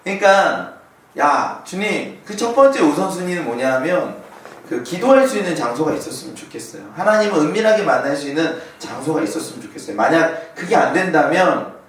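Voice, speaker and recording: A man's voice: a little high, expressive, normal speed. A man in his thirties preaching a sermon as a pastor, telling a personal story and putting questions to the congregation. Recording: very echoey hall, voice from far off.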